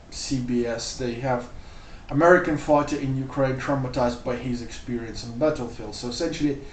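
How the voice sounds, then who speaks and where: Male vlogger, middle pitch, casual rambling commentary, slight room hum behind. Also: darkish tone. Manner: loose and rambling, full of "like" and "you know". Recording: roomy sound, mic off at a distance.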